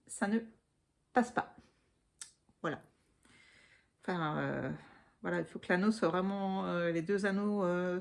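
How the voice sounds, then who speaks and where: A woman's voice: medium pitch, darkish tone. A woman in her forties from Alsace, chatting casually on her knitting vlog, with many fillers and counts muttered under her breath. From Alsace, France. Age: 40s. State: hands trembling, apologetic. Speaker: knitting podcaster. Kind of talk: casual show-and-tell vlog.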